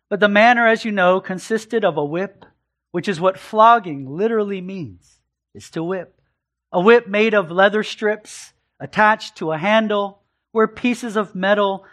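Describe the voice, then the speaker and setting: Preaching an expository sermon from the pulpit, a pastor with a strikingly high and fairly bright voice speaks with earnest emphasis. He frequently repeats a phrase to hammer his point home.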